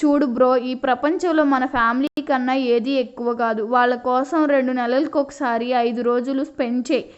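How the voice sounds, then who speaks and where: A woman's voice: high-pitched, steady tone, moderate pace, clear, resonant tone, dull audio, natural voice. A woman reading a caring young doctor husband. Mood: earnest advice.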